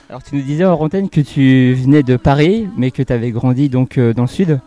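A man hosting a live radio interview from an outdoor festival, relaxed and casual, laughing easily. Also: medium pitch, moderate pace. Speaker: radio host.

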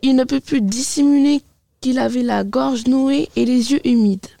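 A woman reading a story aloud, halting and restarting words often. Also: high voice, fairly even intonation, vocal fry, warm tone, no room sound. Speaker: reader.

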